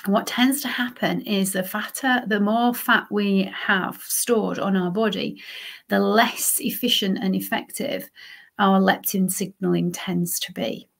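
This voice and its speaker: A woman's voice: medium pitch, fairly even intonation, a little slow, vocal fry. A woman, a lifestyle coach hosting a solo podcast and explaining things in a conversational, emphatic way. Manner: conversational, emphatic, checks in with "okay" and "right".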